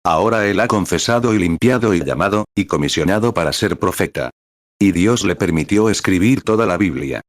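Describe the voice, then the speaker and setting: A man with a very deep voice reads a translated sermon in an earnest, preaching tone. The recording is dry and close, with no room sound. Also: expressive, a little fast, no echo. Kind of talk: sermon reading with numbered paragraphs.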